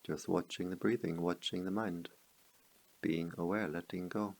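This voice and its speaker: A man guiding a meditation as a teacher, speaking calmly in measured short phrases with long pauses. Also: low-pitched. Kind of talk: guided meditation.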